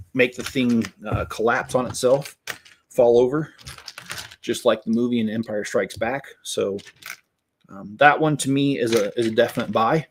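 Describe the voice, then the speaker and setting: A man talking casually at a middle pitch while he builds, easygoing and a bit sarcastic. His chatter wanders with small restarts as his hands stay busy. A faint hiss of noise sits under the voice. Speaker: Lego channel host. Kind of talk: casual build vlog commentary.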